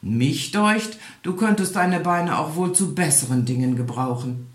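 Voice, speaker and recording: A woman voicing a haughty, mocking male hare in a storybook reading, loud and drawn out. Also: low voice, expressive, a little slow. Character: scornful haughty male hare, fast runner. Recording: echoey room.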